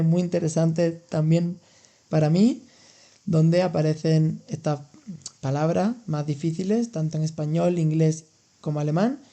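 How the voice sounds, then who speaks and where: Speaking in a mellow voice on the high side, a young man from Andalusia, Spain runs a relaxed educational podcast. As a language teacher, he takes his time unpacking expressions and illustrates each with examples.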